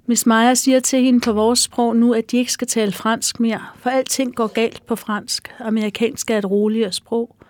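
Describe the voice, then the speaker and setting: Woman author reading her own prose aloud, soft and measured, dry booth sound. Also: on the high side, steady tone, no room sound.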